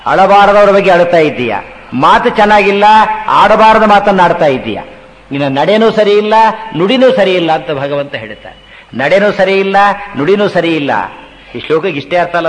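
A man giving a devotional sermon on scripture, chanting verses slowly and asking his listeners questions. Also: sits high. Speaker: religious discourse speaker. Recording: long reverb of a large hall.

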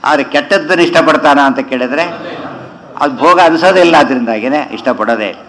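A man teaching scripture, chanting verses slowly and then explaining them in quick conversational asides. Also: medium pitch, a bit bright, rough recording. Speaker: religious teacher. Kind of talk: scripture commentary lesson.

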